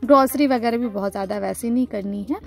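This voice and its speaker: A woman's voice: on the high side, fast, vocal fry. A woman from India talking casually over her home vlog, explaining each step in a chatty way. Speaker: vlogger.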